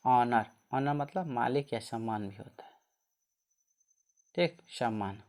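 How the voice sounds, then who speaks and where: A man's voice: mid-range voice, darkish tone. A man teaching a pronunciation lesson. He spells each word letter by letter, asks questions and answers them himself. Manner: spells words letter by letter, then repeats them slowly.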